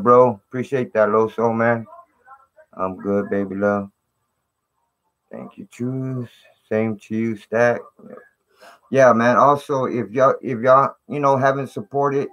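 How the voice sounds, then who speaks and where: A man hosting a casual live stream, greeting viewers in slangy, repetitive talk through fuzzy, distorted audio. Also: medium pitch. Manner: slangy, repeats "man" and "you know".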